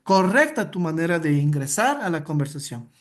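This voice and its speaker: Lively woman teaching online. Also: deep voice, moderate pace. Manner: lively, direct, coaching. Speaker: instructor. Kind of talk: interactive online lesson. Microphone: video call.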